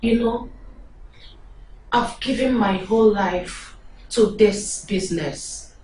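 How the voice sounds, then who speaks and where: A woman's voice: mid-range voice, slow pace, a little mellow, a little hiss or hum, lightly acted. An actress with a Nigerian accent playing a bitter, indignant woman married into royalty, complaining she was passed over. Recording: echoey room, distant mic.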